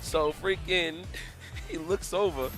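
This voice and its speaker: A man's voice: fairly high pitch, slow, music in the background. A man commentating a fighting game tournament in casual chat, telling stories with slangy, laughing delivery. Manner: animated storytelling, laughing, slangy.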